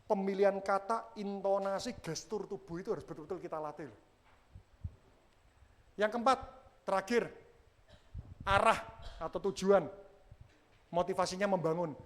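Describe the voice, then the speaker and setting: Guy preaching in church, high-ish voice, jokey and lively, does little voices for examples. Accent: Indonesian. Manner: animated, acts out quoted voices with humor. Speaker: pastor. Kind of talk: sermon.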